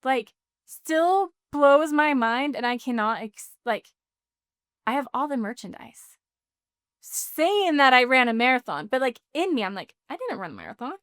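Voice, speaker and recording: A woman's voice: sits high, lively intonation, unhurried, a bit bright, clear, resonant tone, no echo, studio quality. A woman in her thirties, a podcast guest chatting casually and emotionally, filling her talk with "like". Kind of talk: casual interview chat.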